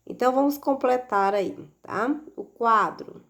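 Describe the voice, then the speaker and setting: A woman's voice: fairly high pitch, vocal fry, a bit bright. A woman teaching a recorded video lesson for children, speaking patiently and asking rhetorical questions as she goes. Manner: slow, patient, asks rhetorical questions with frequent "né?".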